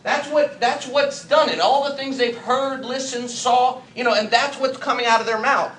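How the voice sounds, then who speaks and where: An American man with a high, bright, forceful voice delivers a motivational business training talk. He fires rhetorical questions and jokey asides at the room. The sound is roomy, with a faint hiss underneath. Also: normal speed. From United States. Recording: echoey room, faint background noise.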